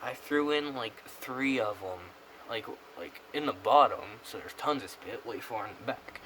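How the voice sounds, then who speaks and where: A man's voice: on the low side, expressive, measured pace, a bit bright, poor audio. A young American man rambling casually in a vlog review, talking with a pouch tucked in his upper lip. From United States. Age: young adult. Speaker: product reviewer. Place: small room indoors. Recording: clear background noise on camera mic.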